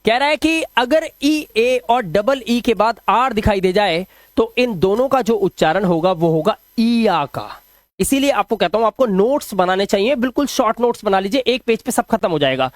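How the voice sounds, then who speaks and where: A man teaching English pronunciation rules in a classroom-style explanation, asking questions and answering them himself, and drawing out sample words slowly. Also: sits high, expressive, dry recording.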